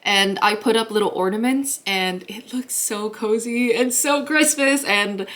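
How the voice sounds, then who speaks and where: A young woman from Guatemala talks casually to her camera in a bubbly, chatty way. She laughs often between her words. Her voice sits at an ordinary middle pitch. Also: unhurried, fairly bright tone. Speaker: vlogger.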